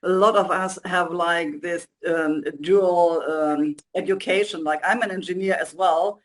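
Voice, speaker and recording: A male podcast host with a notably high voice. He asks his questions loosely and casually, padding them with likes and uhs. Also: fairly even intonation, measured pace, fairly bright tone. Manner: casual, filler-heavy questions. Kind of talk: podcast interview.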